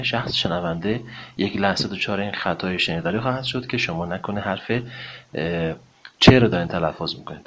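A man teaching English pronunciation, speaking politely and formally with many hesitations, then drawing out model words slowly for learners to repeat. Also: low voice, fairly bright tone, slight background noise. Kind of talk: spoken pronunciation lesson.

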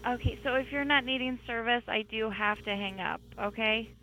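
A woman's voice: a little high, moderate pace, bright, forceful tone, a little hiss or hum. A woman working as a receptionist who answers a business phone call, polite, patient and apologetic. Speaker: customer service receptionist. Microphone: phone line.

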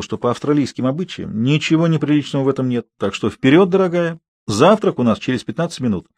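A man's voice: on the high side, a little mellow, slightly rough, no room sound. Dry-voiced male audiobook narrator. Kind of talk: scripted narration.

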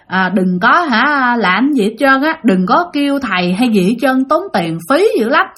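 A woman's voice: animated, moderate pace, a bit bright. A woman with a Southern Vietnamese accent voicing the angry ghost of an older woman who scolds her family. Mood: insistent. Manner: shrill, scolding, accusing.

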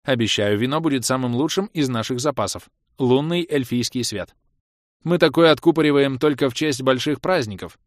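A man's voice: mid-range voice, moderate pace, dry recording, studio quality, pitched above the performer's own voice, close to an everyday voice. A man voicing a domineering baroness in an audiobook, barking and commanding. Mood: placating, commanding. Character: domineering baroness, a noblewoman leader. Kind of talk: audiobook character voice.

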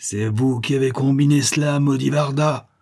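A man's voice: mid-range voice, lively intonation, moderate pace, dark tone, voice pushed up, close to an everyday voice. A man doing a scornful demonic giant. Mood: raging. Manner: scornful, threatening. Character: menacing dark giant, an immortal demonic being.

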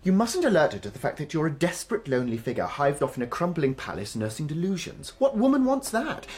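A man's voice: a little high, very animated, fast, darkish tone. An actor playing a fussy, pedantic male servant who is ironically deferential to his master. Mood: cheeky. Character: fussy wordy male servant, devoted and cheeky.

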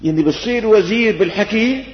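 An older man with a Damascene Syrian accent teaching a colloquial Quran lesson, folksy and lively, throwing out rhetorical questions with gentle humor. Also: sits high, quick pace, slight background noise. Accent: Syrian Arabic, Damascene. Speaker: sheikh giving Quran commentary. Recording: echoey hall, dull lo-fi old tape.

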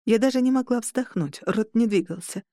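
A woman's voice: a little high, fairly quick, dark tone, dry recording. Dry-voiced woman narrating an audiobook. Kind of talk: scripted first-person narration.

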